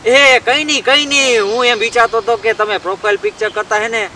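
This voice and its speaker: A man's voice: extremely high pitch, fairly even intonation, a little fast, sharp tone, slight background noise, poor audio. A man acting as a brash, boastful young man on a Facebook date in a comedy sketch, recorded outdoors. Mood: flattering.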